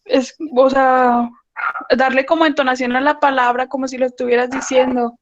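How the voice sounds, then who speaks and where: A woman's voice: high voice, level tone, normal speed, dull audio. A woman student answering her teacher politely and hesitantly in an online class.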